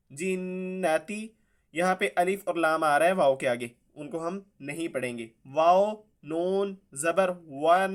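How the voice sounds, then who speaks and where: Slow, clear-voiced man teaching recitation. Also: fairly high pitch, fairly bright tone. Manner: spells letters and vowel marks aloud, then recites drawn out. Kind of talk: slow spelled-out tajweed lesson.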